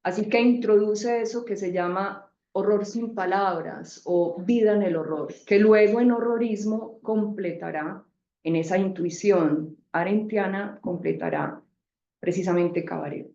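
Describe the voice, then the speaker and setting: A woman speaker answering a question in an academic seminar, measured and explanatory. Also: mid-range voice, dark tone. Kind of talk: academic reply in a debate. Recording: echoey room, dull sound.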